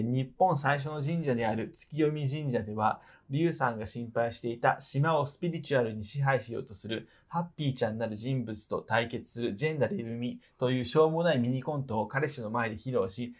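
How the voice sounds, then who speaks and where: A man's voice: medium pitch, brisk, hardly any pauses. A man co-hosts a casual podcast. He reads a listener's letter in an easy, playful voice and breaks off to tease and laugh. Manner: teasing, playful, laughs readily. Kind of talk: casual chat, reading a letter aloud.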